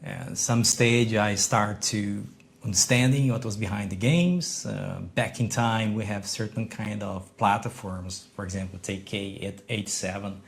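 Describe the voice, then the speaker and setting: A middle-aged man from Brazil, a podcast guest talking about his entrepreneurial past in halting, with frequent restarts. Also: on the low side, gravelly. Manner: non-native English, halting restarts, lively emphasis. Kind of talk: conversational interview.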